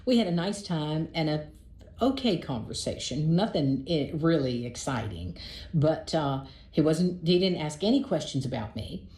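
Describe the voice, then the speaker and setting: A woman's voice: low voice, animated, normal speed, warm tone. A woman casually telling a long personal dating story, chatty and exasperated, often restarting her sentences. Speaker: storyteller sharing a dating experience. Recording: roomy echo.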